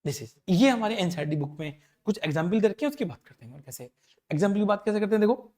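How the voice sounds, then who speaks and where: A male physics teacher giving an explanatory lecture. He repeats key points and checks understanding with quick questions. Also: sits high, big pitch swings, darkish tone.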